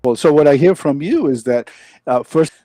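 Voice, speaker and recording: A man's voice: a little high, expressive, warm tone, no room sound. Man on a dropping video call. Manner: halting, fragmented phrasing. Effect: video call audio cutting out. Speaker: interview guest. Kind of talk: casual video call chat.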